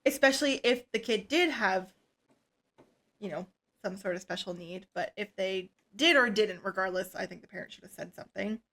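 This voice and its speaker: A woman co-hosting a casual podcast, reading listener stories aloud and giving relaxed, opinionated takes that often trail off quietly. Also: medium pitch, moderate pace. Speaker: podcast co-host.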